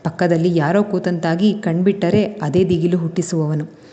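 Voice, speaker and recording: A woman host narrating a serialized family story in a steady, expressive way. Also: lowish voice, normal speed, lo-fi sound. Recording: long reverb.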